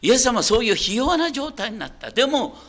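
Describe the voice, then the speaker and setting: Lively bright-voiced male pastor preaching. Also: very high-pitched, fast talker. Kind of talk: sermon.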